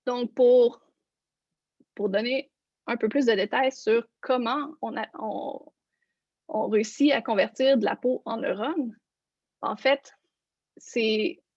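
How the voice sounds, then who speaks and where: A woman gives a lecture online, explaining her slides step by step. Her fairly high voice has a gravelly, breathy edge. The sound is dry and a bit dull, like lo-fi video-call audio. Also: steady tone, slow pace, pauses often, darkish tone, dry recording. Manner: explanatory, walks listeners through slides. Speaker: neuroscience researcher giving a lecture.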